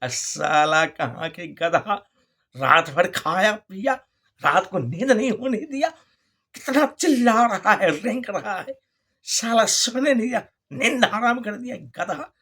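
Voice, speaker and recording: A man playing an angry master of the house who curses and grumbles at being woken, then threatens in a low, quick voice. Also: lively intonation, bright, forceful tone, breathy edge, exaggerated voice. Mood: angry, grumbling. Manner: curses and rants, fast and low when threatening.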